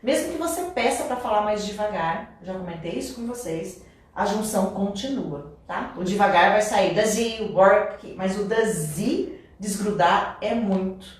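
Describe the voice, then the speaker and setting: A woman's voice: medium pitch, lively intonation, normal speed. A woman teaching an English lesson live, explaining step by step and repeating example phrases. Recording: echoey room, mic at a distance.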